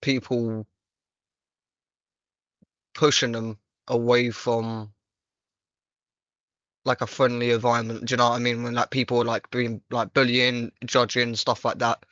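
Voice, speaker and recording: A man's voice: mid-range voice, level tone, unhurried, long pauses, fairly bright tone, no room sound. A young man hosting a casual chat, talking earnestly and reflectively with casual slang. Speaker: podcast host. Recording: dull, dry lo-fi mic.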